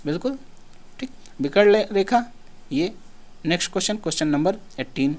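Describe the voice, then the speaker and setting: A man's voice: sits high, lively intonation, moderate pace, a little mellow. A man teaching an exam-prep lesson in a casual way, asking questions and answering them himself. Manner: casual, repeats himself, asks and answers his own questions.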